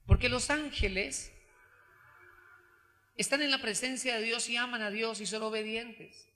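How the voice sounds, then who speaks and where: Male pastor, high and very bright voice, preaching in a church with long hall reverb. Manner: expressive preaching, acts out quoted voices, reads scripture loudly and slowly. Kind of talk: sermon.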